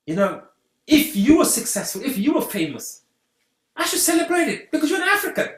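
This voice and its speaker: Animated guest. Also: high-pitched, a little fast. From Senegal. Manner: animated, repeats rallying phrases. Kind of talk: earnest community talk. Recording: roomy echo.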